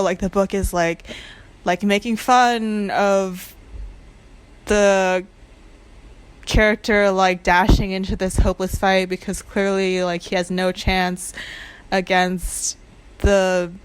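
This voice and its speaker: Young adult woman, amateur vlogger, slow pace, mid-range pitch, hesitant, meandering, filler-heavy, casual unscripted monologue. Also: rough recording. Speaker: amateur video blogger. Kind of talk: casual rambling monologue to camera.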